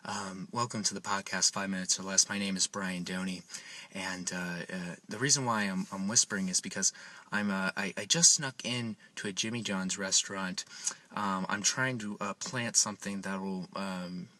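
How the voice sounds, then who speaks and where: A man's voice: low voice, fairly even intonation, moderate pace, pushed and bright, distant mic. A man whispering as he hosts a comedy sketch, a whispered role-play, talking in a hesitant, nervous way with many fillers. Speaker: podcast host.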